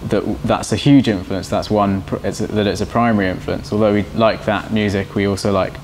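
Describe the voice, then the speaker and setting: Young guitarist, halting, low-voiced. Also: male voice, fairly even intonation, a little mellow. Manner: halting, many restarts and fillers. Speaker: band guitarist. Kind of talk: casual interview answers. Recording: faint background noise.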